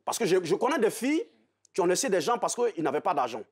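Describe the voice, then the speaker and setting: Insistent man, husky, animated. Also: high-pitched, fast. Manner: insistent, repeats himself, laughs while arguing. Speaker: debate panelist. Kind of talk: heated studio debate.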